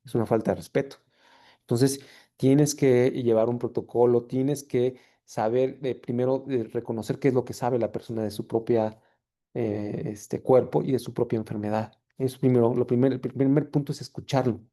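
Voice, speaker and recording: A man's voice: medium pitch, steady tone, moderate pace, mellow. A man, a physician and anthropologist giving a seminar talk, reflective and self-correcting with many fillers. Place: seminar room or video call.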